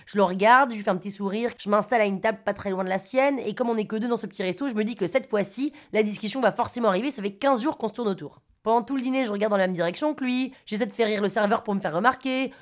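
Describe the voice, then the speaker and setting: A woman's voice: mid-range voice, fast, few pauses. A woman with a Parisian French accent narrating a personal story, wry, self-mocking and conversational. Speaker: podcast storyteller.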